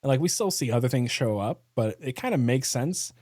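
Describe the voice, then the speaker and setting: Excited man talking books, dry sound. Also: mid-range voice, a little fast, dry recording. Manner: excited, many fillers, frequent laughs. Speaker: podcast host. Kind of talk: casual book discussion.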